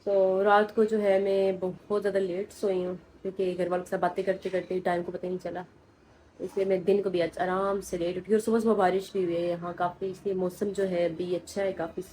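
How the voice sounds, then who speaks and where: A woman's voice: medium pitch, slight background noise, low-quality recording. A young woman with a Pakistani accent vlogging casually from her family home, chatty and cooing fondly at small children. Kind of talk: casual home vlog chat.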